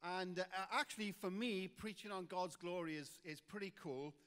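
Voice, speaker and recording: A man's voice: high voice, normal speed, a bit bright, clear, resonant tone, long reverb tail. A man with a Welsh accent preaching a Sunday sermon as pastor, chatty and informal, with many fillers and restarts. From Wales. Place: church auditorium.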